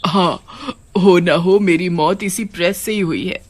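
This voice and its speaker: A woman's voice: fairly low pitch, measured pace. A woman voicing a widowed mother who has become a witch ghost in a cartoon, speaking in a lamenting, emotional way. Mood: anguished.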